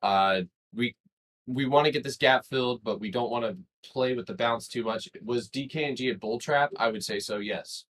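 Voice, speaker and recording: A man hosting a live stock trading stream, talking in excitable bursts with frequent swearing. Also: medium pitch. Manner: excitable, swears and laughs, talks fast in bursts.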